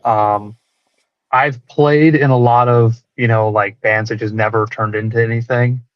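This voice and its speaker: A man's voice: medium pitch, fairly even intonation, a little slow, dry recording, muffled recording. A man who plays guitar in a band, talking casually and reflectively about music in a rambling way. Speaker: band guitarist being interviewed.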